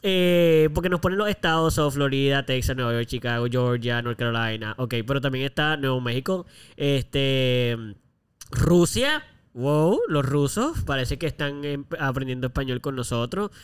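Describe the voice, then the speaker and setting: A man with a Puerto Rican accent co-hosts a casual podcast, talking informally in Spanish and slipping in English words. His voice is medium-pitched, smooth, and at normal speed.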